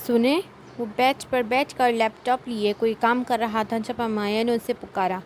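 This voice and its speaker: Woman narrating an audio novel, slightly high. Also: a little hiss or hum, rough recording. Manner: steady storytelling. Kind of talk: novel reading.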